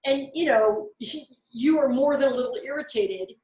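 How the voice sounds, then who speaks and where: Animated high-voiced woman in an echoey room. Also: moderate pace. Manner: animated, candid storyteller. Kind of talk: casual faith discussion.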